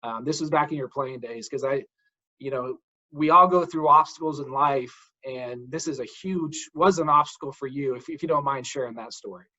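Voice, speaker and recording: A man's voice: medium pitch, moderate pace, pushed and bright. A man in his forties hosting a casual interview, enthusiastic and storytelling, saying dude a lot. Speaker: podcast host, mental coach. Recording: dull lo-fi audio.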